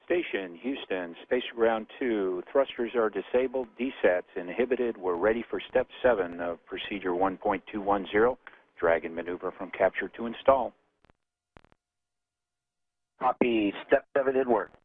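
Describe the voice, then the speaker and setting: A man's voice: fairly low pitch, moderate pace, no room sound. Tinny space radio communicator, clipped male voice. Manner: clipped, formal call-and-confirm phrasing. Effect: radio transmission.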